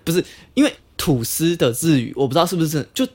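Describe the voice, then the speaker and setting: A man's voice: a little high, very fast, husky. A man with a Taiwanese Mandarin accent, co-hosting a podcast and telling a funny story in casual chat, laughing often. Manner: animated, laughs a lot while telling a story. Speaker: podcast co-host.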